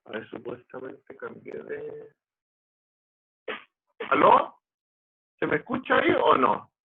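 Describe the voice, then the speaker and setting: A man's voice: on the high side, huge pitch swings, takes it slowly, breathy edge. A man teaching an online class, his voice breaking up and cutting out over a bad internet connection as he checks whether he can be heard. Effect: choppy, breaking-up internet audio. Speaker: university lecturer. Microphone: video call. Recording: lo-fi video call audio.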